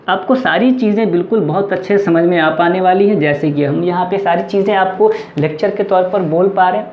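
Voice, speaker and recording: Bihari man drilling quiz answers in an echoey room. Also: high-pitched. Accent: Bihari Hindi. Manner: drills points with repeated question-and-answer. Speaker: competitive exam tutor. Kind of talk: classroom-style lecture. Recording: echoey, slightly dull recording.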